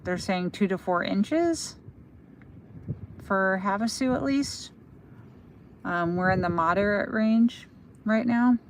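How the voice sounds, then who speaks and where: An American woman hosting a casual livestream outdoors, chatting in a halting way and trailing off as she goes. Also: medium pitch, slight background noise. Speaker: livestream host for a local magazine. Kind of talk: casual live commentary answering viewer comments. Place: outdoors at night by a lake.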